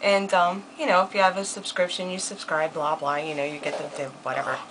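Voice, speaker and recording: A young woman vlogging in a casual chat, animated and laughing often, and quick to curse. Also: on the low side, a little hiss or hum, rough recording. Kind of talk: casual chat, swearing freely.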